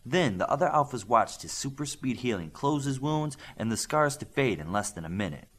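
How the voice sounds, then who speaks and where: Narrating a scripted fiction audiobook, a man performs the dialogue as he reads, giving it an animated feel. His voice is medium-pitched and slightly breathy, and he moves a bit quickly.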